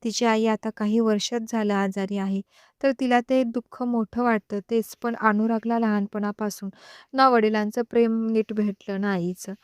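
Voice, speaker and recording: A woman narrates an audio story, reading it expressively with a smooth, clear voice that sits slightly high. The recording is dry and close, with no room sound. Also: flat delivery, normal speed, no echo.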